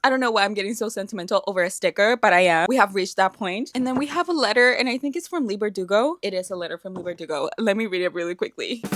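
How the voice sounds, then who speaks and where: A woman's voice: mid-range voice, fairly bright tone, no echo, clean studio sound. A young woman vlogging about her reading in a chatty, gushing way, full of fillers. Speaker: book vlogger. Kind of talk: casual vlog narration.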